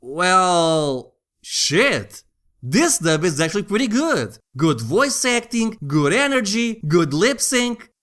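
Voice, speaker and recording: A man's voice: high voice, sing-song, slow pace, a bit bright. A man narrating a scripted video game review as its host, conversational and wry. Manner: conversational, wry, jokey asides. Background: background music.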